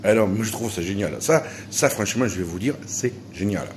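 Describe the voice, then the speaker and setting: A man talks to his followers in a loose, joking vlog monologue. His voice sits low, and he keeps trailing off and restarting his sentences. A faint hiss of noise runs underneath. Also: animated, brisk. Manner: rambling and joking, with many restarts. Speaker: YouTuber.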